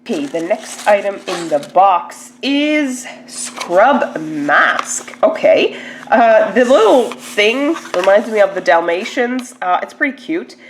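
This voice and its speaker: With a cold clogging her nose, a woman chats on camera about a beauty box she's unboxing, her speech full of "like" and "um." The mid-range voice has lively intonation and a slow pace, with slight background noise.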